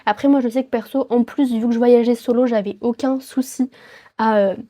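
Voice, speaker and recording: Speaking fairly quickly in a mellow, slightly high, steady voice, a late-teen woman with a head cold chats to her vlog camera about travel. The talk is rambling and casual, thick with fillers and restarts.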